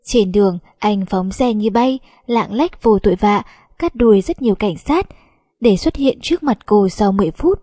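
A woman narrating a romance audiobook with a steady storytelling delivery. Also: mid-range voice, moderate pace, husky, no room sound, clean studio sound.

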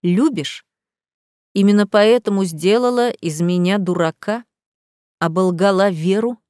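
A woman voicing an angry young groom who talks in harsh, low, menacing tones in an audiobook. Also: unhurried, a little mellow, no room sound, clean studio sound, lightly acted. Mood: contemptuous. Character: angry young man, bitter and contemptuous groom.

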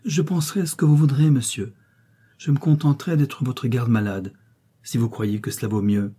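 A man voicing a devoted, spirited young woman who talks gently and earnestly. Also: medium pitch, steady tone, normal speed, slightly rough, close to an everyday voice. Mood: tender.

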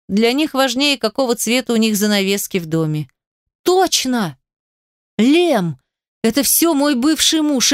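Smooth-voiced woman reading a fantasy audiobook. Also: a little high, dry recording, clean studio sound. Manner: expressive, storytelling. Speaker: audiobook narrator. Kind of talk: first-person fantasy audiobook narration.

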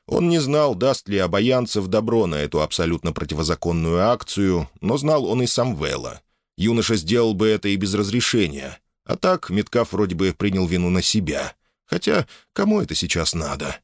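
A man narrating a science fiction audiobook in an expressive, dramatic reading style. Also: deep voice, no room sound, studio quality.

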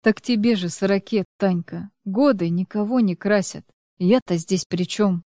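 A woman's voice: medium pitch, normal speed, mellow, no room sound, studio quality, lightly acted. A sullen broke divorced man, as a woman narrator reads him. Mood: sullen, pleading. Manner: pleading, sullen. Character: down-on-his-luck divorced man, ex-racer.

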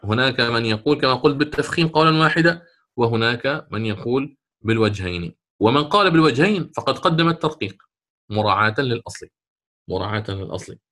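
A man teaching a lesson on Quran recitation rules, asking and answering his own questions and drawing out the recited words slowly. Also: medium pitch, a bit bright. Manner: stretches recited words drawn out.

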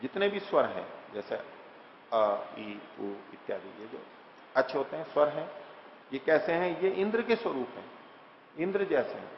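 A man teaching scripture, reciting verses slowly and then explaining them plainly with rhetorical questions. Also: on the high side, sing-song, creaky, slight background noise. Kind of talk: scripture lecture. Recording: echoey hall, dull lo-fi sound.

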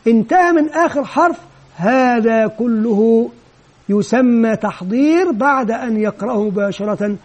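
A man's voice: very high-pitched, unhurried, darkish tone. A man giving an instructional lecture on teaching children to read, explaining each step patiently and modelling what the teacher says. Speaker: teacher trainer.

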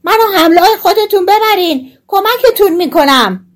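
A woman voicing a tiny, bold boy who shouts in a piercing, cheeky way. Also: very high voice, lively intonation, pitched above the performer's own voice. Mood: loud cheeky.

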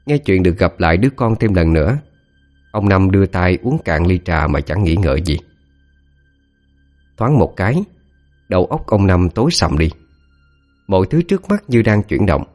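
A deep-voiced man narrates a scripted ghost story. His pitch moves in wide sweeps as he tells it, with faint music playing underneath. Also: normal speed, long pauses. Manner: dramatic, expressive storytelling.

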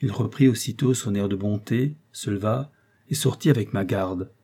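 A man reading a classic novel aloud as scripted narration, measured, with dialogue voiced more intensely. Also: lowish voice, dark tone, breathy edge. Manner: measured, rising into emotional outbursts in dialogue. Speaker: audiobook reader.

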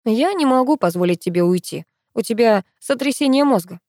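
Low, controlling middle-aged professor, read by a woman; clipped orders, no room sound. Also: expressive, a little fast, darkish tone, no echo, clean studio sound, close to an everyday voice. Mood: stern. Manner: low, curt and commanding.

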